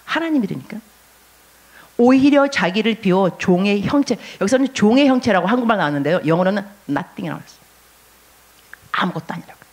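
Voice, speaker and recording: A woman's voice: mid-range voice, expressive, fairly quick, long pauses. A middle-aged woman pastor giving a sermon, acting out inner voices and mixing in English phrases.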